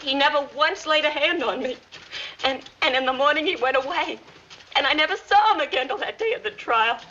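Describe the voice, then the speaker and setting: A woman's voice: a little high, brisk, pushed and bright. An actress playing a brassy, wounded young American woman, agitated and tough-talking in a muffled 1940s film melodrama. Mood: distraught, pleading. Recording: muffled, noisy 1940 film soundtrack.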